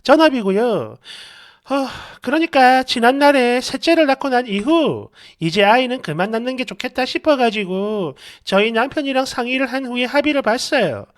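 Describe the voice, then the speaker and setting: A woman's voice: on the high side, animated, normal speed. A woman reading a dramatized online story in an exasperated, gossipy manner. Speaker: story narrator.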